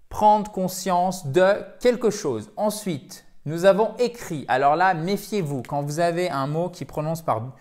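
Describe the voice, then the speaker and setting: A man teaching English pronunciation, drilling words slowly and emphatically. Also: a little high. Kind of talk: pronunciation lesson.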